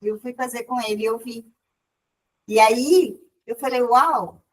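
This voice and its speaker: A woman with a high voice recounts a spiritual experience in a relaxed, conversational way. She keeps restarting her sentences and acts out other people's words as she goes. She sounds set back from the microphone. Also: slow, recorded from a distance, poor audio. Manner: storytelling with many restarts and quoted dialogue. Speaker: participant in a spiritual group meeting. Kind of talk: casual spiritual testimony.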